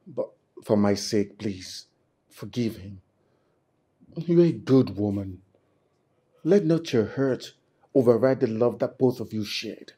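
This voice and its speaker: An older father, husky and imploring. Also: on the low side, dark tone, heavily acted. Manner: earnest, imploring. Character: gentle older father pleading for reconciliation. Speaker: father of the lead.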